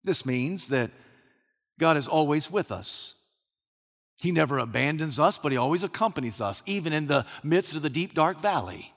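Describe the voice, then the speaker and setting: A man's voice: on the high side, animated, moderate pace, a bit bright. Man preaching in a reverberant hall. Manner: reverent Scripture reading, then emphatic preaching with rising repetitions. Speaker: pastor. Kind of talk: sermon.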